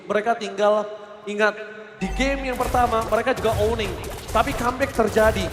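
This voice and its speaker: A man's voice: high-pitched, steady tone. An Indonesian man giving emphatic, dramatic live play-by-play commentary on a mobile game match. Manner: emphatic, dramatic delivery with drawn-out calls. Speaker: esports commentator. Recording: echoey hall, loud music behind. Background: music.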